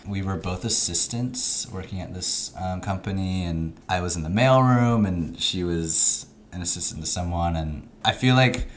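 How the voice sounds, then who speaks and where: A man's voice: low-pitched, a little hiss or hum. A young man from California, a podcast guest, chatting casually with lots of ums and likes. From California, USA. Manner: halting, laughing, full of ums and likes. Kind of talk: casual chat.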